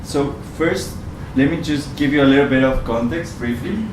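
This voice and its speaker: A man's voice: medium pitch, animated, moderate pace. A man from Ecuador giving a presentation to an audience, speaking hesitantly with many ums and restarts. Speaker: researcher giving a talk. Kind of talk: presentation at a community event. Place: venue with a live audience. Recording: roomy sound from far off, noisy.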